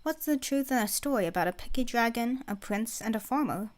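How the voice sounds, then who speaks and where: A woman's voice: on the high side, lively intonation, fairly quick, natural voice. A woman voicing a smirking, skeptical young man with a dry, nonchalant, muttering manner. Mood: wry, skeptical.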